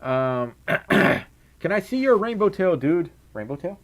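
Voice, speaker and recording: This streamer's scratchy voice sits high and has a sing-song lilt as he slowly reads out donations in casual livestream chat. The young man giggles and hums, keeping things playful while he works through chat.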